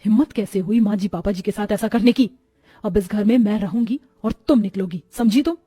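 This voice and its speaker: A woman voicing a kind, patient elder daughter-in-law in a storybook, gentle yet firm. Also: mid-range voice, fairly quick, slightly rough, no room sound, clean studio sound, natural voice.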